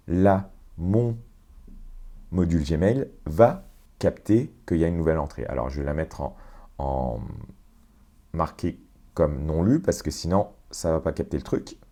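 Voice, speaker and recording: A man walking through a software automation on screen, explaining step by step with fillers and self-corrections. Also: rumbling low, expressive, measured pace, pauses often. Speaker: tutorial presenter. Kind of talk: screen-share software walkthrough.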